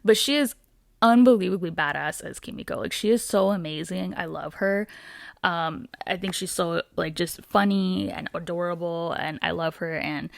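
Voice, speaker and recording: A woman's voice: on the low side, moderate pace, vocal fry, dry recording. Young woman, host, gushing fan commentary, bubbly, dry sound. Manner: bubbly and gushing, many fillers like "um" and "like". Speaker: host of a weekly entertainment news show.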